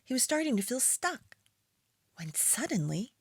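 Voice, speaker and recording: A woman reading aloud to young children as a preschool storytime host, in an expressive storytime voice. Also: fairly high pitch, slightly rough, no room sound, clean studio sound. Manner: storytime voice, slow and expressive with acted animal and object sounds.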